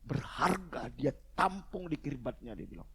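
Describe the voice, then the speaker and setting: A man preaching a sermon to his congregation, moving between quiet, low asides and loud, fervent shouting. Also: expressive, measured pace, husky. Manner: addresses the congregation as "saudara". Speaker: pastor. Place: church service.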